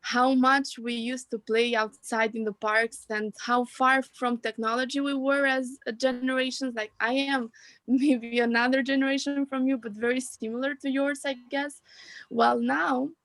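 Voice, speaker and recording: A woman's voice: high voice, steady tone, normal speed, no room sound, low-quality recording. A woman from Albania, chatting reflectively on a video call. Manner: reflective, soft laughs, small grammar slips. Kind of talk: casual video call chat.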